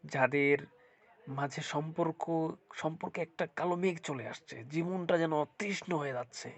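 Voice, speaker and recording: A man's voice: on the high side, unhurried. A man with a cold-blocked, congested nose, giving an informal religious talk as a spiritual healer, often repeating his phrases and asking rhetorical questions. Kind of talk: informal religious talk to viewers, with Quran recitation. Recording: dull, lo-fi sound.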